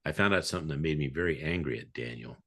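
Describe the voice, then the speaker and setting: A man's voice: rumbling low, quick pace, fairly bright tone. A man hosting an online interview show, joking and jovial as he hands over to his guest. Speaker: show host.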